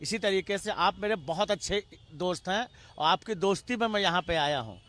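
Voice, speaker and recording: Impassioned male party spokesman, bright forceful voice, piling up rhetorical lists. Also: high-pitched, animated, normal speed. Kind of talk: heated TV debate argument.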